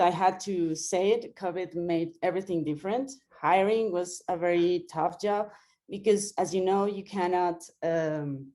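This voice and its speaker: A woman's voice: medium pitch, dark tone. A woman presenting as an operations lead over a video call, friendly and a little hesitant. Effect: heard over a video call. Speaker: guest speaker, operations lead. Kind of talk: webinar presentation.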